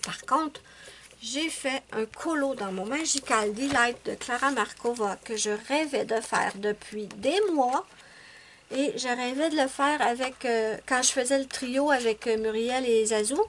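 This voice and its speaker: A woman's voice: a little high, unhurried, a bit bright, slight background noise. A woman with a Québécois French accent, chatting casually about her coloring pages, rambling with many hesitations and self-corrections. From Quebec, Canada. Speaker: adult coloring YouTuber. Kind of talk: casual chat showing finished coloring pages.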